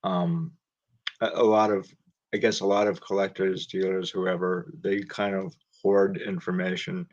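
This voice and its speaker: A man's voice: sits low, little pitch movement, measured pace. A man hosting a casual interview, talking in thoughtful, hesitant sentences while searching for words. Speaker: host. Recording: dull lo-fi sound.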